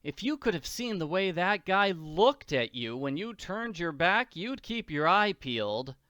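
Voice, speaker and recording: Spunky orphan girl, read by a man; chatty and slangy, higher voice, clear. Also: very animated, a little slow, bright, forceful tone, no echo, studio quality, full character voice. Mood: plucky worried.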